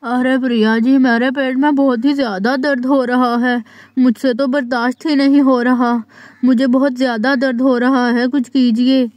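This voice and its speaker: A woman's voice: sits high, flat delivery, moderate pace, darkish tone, no echo, dull audio, natural voice. A woman voicing a young village husband in a doll story, groaning and pleading over a stomach ache. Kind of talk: doll story role-play.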